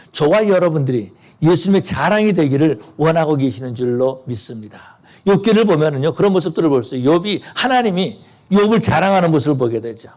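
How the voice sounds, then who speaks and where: A man's voice: on the high side, a little mellow. A man preaching a sermon as pastor, earnest and rising to fervent appeals to the congregation.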